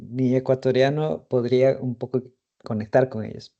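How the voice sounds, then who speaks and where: A man's voice: medium pitch, fairly even intonation, moderate pace, dark tone. A man from Ecuador with an Ecuadorian accent, chatting casually on a podcast in a reflective, hesitant way. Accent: Ecuadorian Spanish. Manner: reflective, hesitant, thinking aloud. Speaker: podcast co-host. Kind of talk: casual conversation. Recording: slightly dull lo-fi audio.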